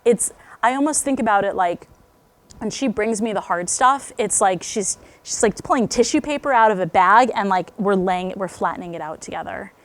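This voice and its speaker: A woman's voice: mid-range voice, normal speed. Candid woman speaking to a parent group. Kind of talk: parent talk to a live group.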